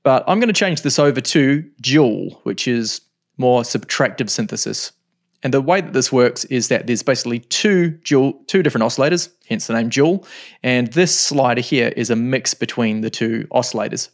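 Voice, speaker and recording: Here a middle-aged man at a home studio desk gives a music software tutorial at medium pitch. He takes it one step at a time, relaxed, with pauses for thought.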